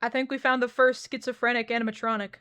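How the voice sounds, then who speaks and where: A woman's voice: on the high side, level tone, fast talker, a bit bright, slight background noise. A woman streamer giving a casual live reaction, blunt and sarcastic, swearing freely.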